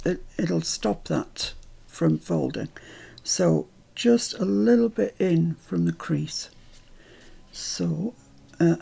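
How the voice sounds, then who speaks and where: A woman's voice: on the low side, creaky, warm tone, slightly rough. An older British woman chatting through a crafting tutorial at home, rambling into asides as she works.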